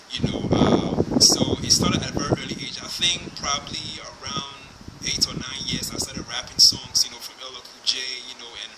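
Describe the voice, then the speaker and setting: A young man speaks in an interview, his answers halting and full of fillers and restarts. His voice sits at an ordinary middle pitch. A clear hiss of noise runs under the recording. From Liberia. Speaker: musician guest. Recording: noisy background.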